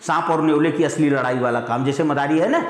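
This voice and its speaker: Hindi grammar teacher in an echoey hall. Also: male voice, fairly high pitch. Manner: calls students "beta", repeats key words slowly. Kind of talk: exam-prep grammar lesson.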